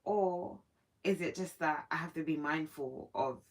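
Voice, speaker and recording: A woman's voice: sits low, a little slow, low-quality recording. A woman in her morning voice, hosting a casual spiritual live stream and talking reflectively to her viewers. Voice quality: sleepy morning voice. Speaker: livestream host.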